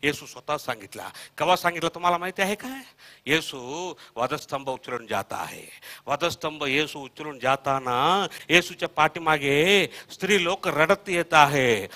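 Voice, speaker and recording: A man with a Marathi accent preaching a Bible study sermon, echoing verses after a reader and swinging between soft murmurs and loud shouted calls. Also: a little high, normal speed. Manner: repeats verses line by line after the reader, prompting with "हा". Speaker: pastor.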